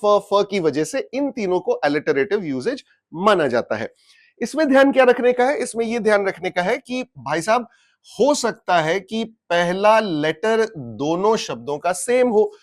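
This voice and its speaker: Indian male exam tutor, high pitch, rhetorical-question lecturing style, Hindi-English mix. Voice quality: switches between Hindi and English mid-sentence. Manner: explains step by step with rhetorical questions. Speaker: exam prep teacher. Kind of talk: recorded class lecture.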